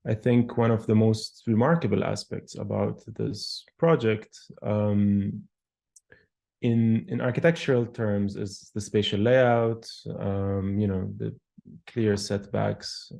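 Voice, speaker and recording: A man in his thirties from Palestine, an architectural historian, answering interview questions in a thoughtful, measured way with frequent pauses and fillers. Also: on the low side, creaky, warm tone. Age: 30s.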